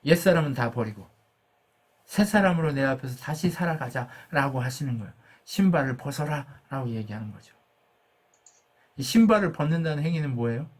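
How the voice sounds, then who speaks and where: A man's voice: medium pitch, lively intonation, brisk. A man preaching a sermon as a pastor. He asks the congregation questions, answers them himself, and acts out God's words with rising force.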